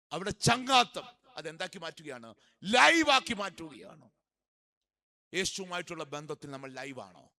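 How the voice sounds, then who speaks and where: High, bright-voiced male priest preaching. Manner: quizzes the congregation with questions and answers them himself; shifts between loud emphatic peaks and quiet low asides. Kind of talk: sermon.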